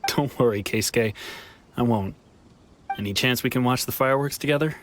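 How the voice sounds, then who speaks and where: A man's voice: medium pitch, moderate pace, slight background noise, lightly acted. A man voicing a humbled, regretful young traveler back home in an anime fantasy game, reflective and sincere. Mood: reassuring.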